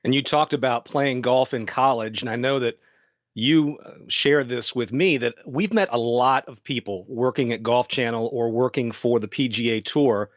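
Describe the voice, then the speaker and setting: A man hosting an interview, asking attentive, measured questions. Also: mid-range voice, no room sound, clean studio sound. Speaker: podcast host, interviewer.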